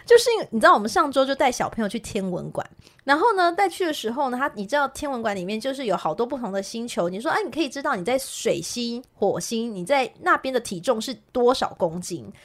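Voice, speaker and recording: A woman with a Taiwanese Mandarin accent, co-hosting a podcast and telling a funny story in casual chat, with animated delivery and bursts of laughter. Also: fairly high pitch, fast talker. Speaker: podcast co-host.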